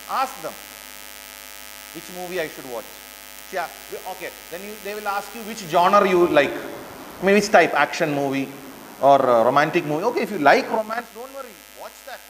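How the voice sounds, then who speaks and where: A man's voice: high voice, fairly bright tone, slight background noise. Indian man lecturing in an echoey hall. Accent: Indian English. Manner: rhetorical questions, repeats key phrases for emphasis. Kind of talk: motivational classroom lecture.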